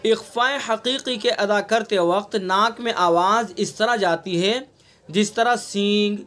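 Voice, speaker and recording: A man with a Delhi Urdu accent leads an online class on Quran recitation. His voice sits high and he moves at a slow, deliberate pace. He repeats each example patiently, drawing the nasal sounds out long. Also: a bit bright. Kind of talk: online tajweed lesson. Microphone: online class recording.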